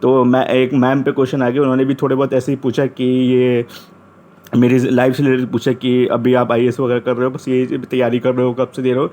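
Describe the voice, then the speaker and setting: A man's voice: mid-range voice, monotone, brisk, darkish tone. A young man from Uttar Pradesh, chatty, recounting his job interview and retelling the dialogue with frequent restarts. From Uttar Pradesh, India. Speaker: interview candidate recounting experience. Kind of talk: casual storytelling.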